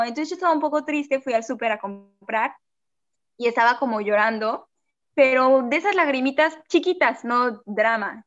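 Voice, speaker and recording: A woman, a guest telling a story in a casual, animated way and acting out what people said. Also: a little high, lo-fi sound. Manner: animated, laughs often, acts out quotes. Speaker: interview guest.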